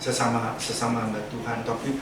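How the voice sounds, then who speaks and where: Preacher in an echoey church. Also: male voice, medium pitch, level tone, fairly quick, noisy background. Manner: conversational preaching with slang asides and quoted voices. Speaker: pastor. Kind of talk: sermon. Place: church sanctuary. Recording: echoey church hall miked from a distance.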